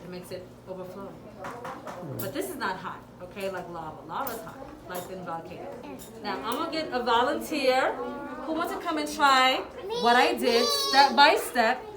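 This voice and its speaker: In a classroom full of chattering children, a woman with a fairly high voice demonstrates something hands-on for the little ones. She repeats brief instructions and offers encouraging praise, and the recording has a roomy sound.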